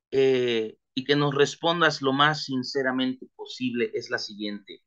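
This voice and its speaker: A man's voice: a little high, sharp tone. A man hosting a church livestream interview, asking emphatic questions to his guest. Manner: emphatic, addresses the guest as "querido amigo". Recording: dull lo-fi sound.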